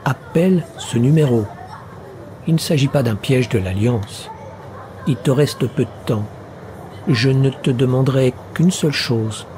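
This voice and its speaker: A desperate, ruined middle-aged man, voiced by a male narrator in an audiobook. He presses his old friend with urgent, remorseful insistence. The voice is mellow and warm. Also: medium pitch, unhurried, some chatter behind, a little hiss or hum, lightly acted.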